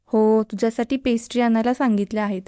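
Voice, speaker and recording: A stern middle-aged mother scolds in a spoken storybook, voiced by a woman reader. The tone is warm and smooth, heard close and dry. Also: a little high, fairly even intonation, brisk, no room sound, natural voice. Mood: scolding.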